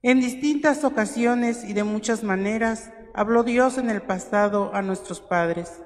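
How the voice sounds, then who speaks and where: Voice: medium pitch, measured pace. Church lector with a cathedral echo. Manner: steady, formal proclamation. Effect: long cathedral echo. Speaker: lector reading at Mass. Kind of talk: liturgical reading. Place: large church. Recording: echoey church recording.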